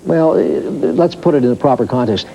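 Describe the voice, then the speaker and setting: A man's voice: medium pitch, brisk, gravelly, mellow. A man who hosts a radio talk show, answering interview questions earnestly, with restarts and repeated words. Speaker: radio talk show host, studio guest. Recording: muffled lo-fi 1990s TV audio, faint hiss.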